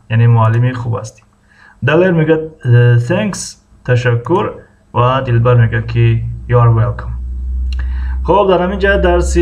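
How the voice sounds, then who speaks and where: A man with a Tajik accent teaching English, reading model phrases slowly and explaining them with many hesitations. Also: mid-range voice, creaky, darkish tone. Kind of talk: language lesson explaining a dialogue.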